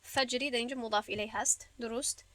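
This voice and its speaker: A woman teaching Arabic grammar, explaining patiently step by step and reciting verses slowly. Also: fairly high pitch, steady tone, fairly bright tone, a little hiss or hum. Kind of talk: classroom lesson.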